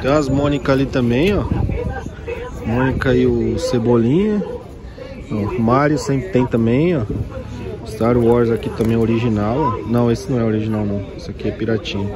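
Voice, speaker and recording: A man's voice: mid-range voice, normal speed, over a noisy crowd. Brazilian man vlogging at a street market. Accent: Brazilian Portuguese. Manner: casual, enthusiastic, constantly pointing things out. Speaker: vlogger browsing toy stalls. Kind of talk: casual handheld market vlog. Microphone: handheld phone camera. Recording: outdoor street with music and traffic.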